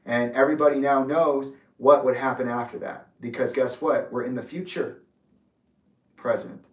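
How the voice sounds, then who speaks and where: Man, late twenties, emotional reflection, deliberate, roomy distant sound. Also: medium pitch, steady tone. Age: 20s. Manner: intense, accusatory, deliberate. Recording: echoey room, distant mic.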